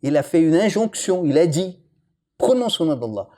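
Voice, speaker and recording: A man gives a relaxed religious lesson. His voice swings widely in pitch, and he often turns to question and tease the people listening. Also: normal speed. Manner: lively, jokes with and questions the audience. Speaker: imam teaching a religious lesson.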